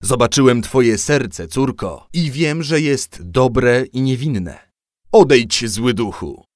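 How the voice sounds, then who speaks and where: A man's voice: mid-range voice, animated, slow pace, a little mellow, dry recording, clean studio sound. A man voicing a stern, loving old king and father in a storybook tale, raising his voice to command. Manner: commanding, raised voice.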